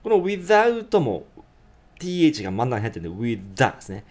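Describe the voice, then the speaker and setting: Male English teacher, animated delivery; slow sung lyric lines, quick explanations. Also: mid-range voice. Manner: breaks lyrics into slow drawn-out syllables, then explains quickly. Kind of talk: pronunciation lesson, singing lyric lines slowly.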